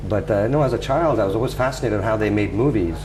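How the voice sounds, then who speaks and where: A man's voice: on the low side, fast talker. A man with a Toronto Canadian accent telling his story casually and a little hesitantly as an interview guest. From Toronto, Canada, from age ten, born in England. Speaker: interview guest, music video director. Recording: loud background noise with hum.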